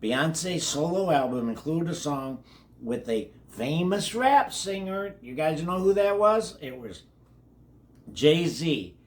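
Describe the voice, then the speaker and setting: Expressive and fairly high-pitched, this older man's voice takes its time as he reads a children's book aloud. As a read-along host, he is folksy, talks straight to his young listeners with chatty asides, and repeats words.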